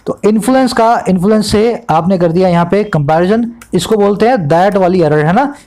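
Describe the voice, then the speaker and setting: A man tutoring English, explaining a newspaper editorial in Hindi mixed with English terms and reading the English sentences out slowly, word by word. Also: high-pitched, a little mellow, slight background noise, poor audio. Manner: teacherly, asks the class questions, reads English slowly word by word.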